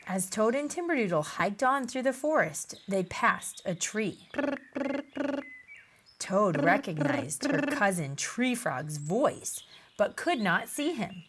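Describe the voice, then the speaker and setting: A woman author reading her children's picture book aloud in an expressive storytelling manner. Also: medium pitch, slow pace, a little hiss or hum.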